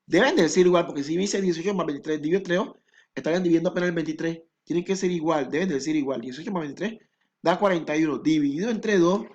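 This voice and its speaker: A man's voice: on the high side, racing, darkish tone, lo-fi sound. A male math teacher, explaining a statistics lesson patiently step by step.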